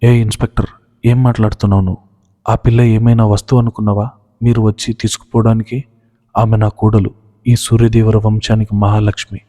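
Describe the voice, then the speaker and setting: Casting: fierce protective old mother-in-law, read by a man, dark flat tone, reverb. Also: lowish voice, natural voice. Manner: roaring, indignant. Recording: long hall reverb.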